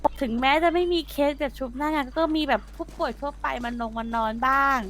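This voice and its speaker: A woman's voice: sits high, quick pace, fairly bright tone. A woman role-playing a nurse in a game, teasing and bantering playfully. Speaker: role-play player, a nurse character.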